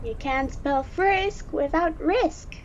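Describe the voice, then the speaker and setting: Woman as a high-pitched, eager monster boy. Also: takes it slowly. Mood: eager, urgent. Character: eager, bold, loyal young male monster kid. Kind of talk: audio drama acting. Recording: dull lo-fi, faint noise.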